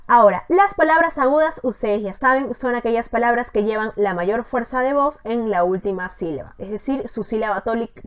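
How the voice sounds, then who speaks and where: During an online lesson, a woman teacher with a mid-range voice walks through spelling rules one step at a time. She frequently stops to check in with a quick "ok?"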